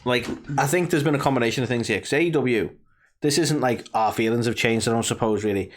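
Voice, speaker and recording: A man's voice: mid-range voice, fast. A man co-hosting a wrestling podcast, talking casually and rambling with plenty of fillers, originally from the UK. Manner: chatty, rambling, lots of fillers. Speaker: podcast co-host. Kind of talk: casual chat.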